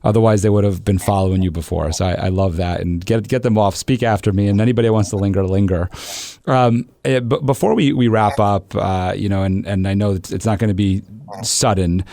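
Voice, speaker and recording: A man's voice: fairly low pitch, fairly quick, vocal fry, dark tone, no room sound. A man hosting a podcast, chatting casually and repeating words as he starts his sentences. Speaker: podcast host. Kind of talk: casual conversational interview.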